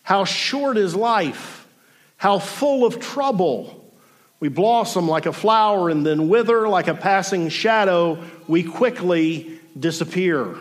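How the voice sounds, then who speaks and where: A man in his forties delivers a reflective sermon in a notably high voice. He speaks to a congregation in a room and mixes in dry, self-deprecating humor. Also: expressive, slow pace. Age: 40s. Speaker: pastor.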